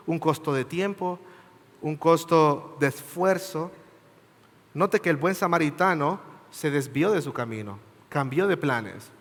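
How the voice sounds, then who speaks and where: A man preaching a sermon, earnestly asking his congregation direct questions and checking in with short tag questions. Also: a little high. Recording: reverberant church hall.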